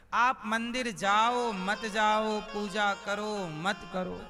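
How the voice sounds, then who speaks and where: High, slow-speaking male preacher. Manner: asks the audience rhetorical questions. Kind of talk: sermon. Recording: music playing under the voice.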